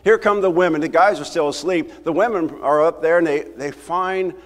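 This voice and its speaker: An older man preaching a sermon from a church pulpit, talking to the congregation in a conversational, animated way. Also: fairly high pitch, moderate pace. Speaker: pastor. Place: church sanctuary, at a wooden pulpit. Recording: roomy hall reverb from the sanctuary.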